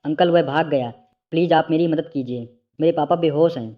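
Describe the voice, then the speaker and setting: A man voicing a frightened young woman who pleads and shouts for help, in a storybook reading. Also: on the high side, moderate pace, lo-fi sound, lightly acted. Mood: crying for help.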